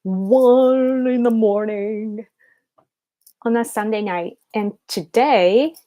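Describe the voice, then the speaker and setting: A woman chatting casually on a live stream, keeping her voice quiet late at night as if someone is asleep nearby. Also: fairly high pitch, slow pace. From Japan. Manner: quiet, hushed late-night talk so as not to wake a sleeper. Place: small room in a tiny two-room home.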